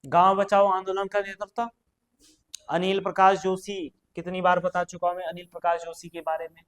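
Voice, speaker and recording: Speaking at normal speed in a high, flat, clean voice, a man from Uttarakhand, India runs exam prep. He talks to students directly and chattily, quizzing them and repeating every question and its answer.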